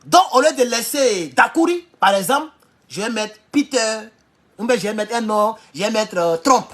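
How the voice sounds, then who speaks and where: Guy ranting about politics, husky voice, pitch jumps all over, repeats his questions, yells now and then. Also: expressive, moderate pace. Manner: emphatic, repeats rhetorical questions, bursts into shouting. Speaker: political commentator. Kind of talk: heated political monologue.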